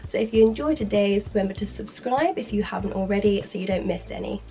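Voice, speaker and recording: A British woman with a mid-range, mellow voice presents a fashion guide quickly and chattily. As a fashion video creator, she delivers an upbeat scripted piece to camera, though a sore throat leaves her sounding strained and sick.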